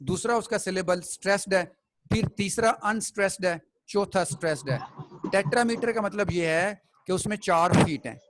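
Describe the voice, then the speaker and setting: A man's voice: high voice, normal speed, fairly bright tone, slight background noise, rough recording. A man teaching a classroom poetry lesson. He explains step by step and keeps checking that the students follow.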